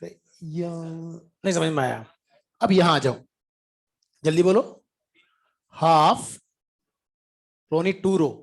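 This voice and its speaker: A man's voice: fairly high pitch, takes it slowly, creaky, pauses often. Chatty male physics teacher mid-lesson. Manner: chatty, coaxing, often asks the class if they followed; mixes English terms into Hindi speech. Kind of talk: informal classroom lecture.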